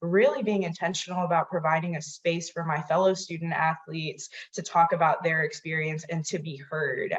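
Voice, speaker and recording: A woman from New York, a guest giving an earnest, measured account of her own experience. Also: on the low side. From New York, United States. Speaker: guest, inclusion administrator. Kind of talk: reflective personal account. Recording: dull, muffled audio.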